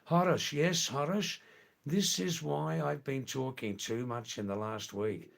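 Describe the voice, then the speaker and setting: An older man hosts a live stream, chatting casually with viewers and responding to their comments in a slow, rambling manner full of repeated words. His voice is medium-pitched, steady, and gravelly.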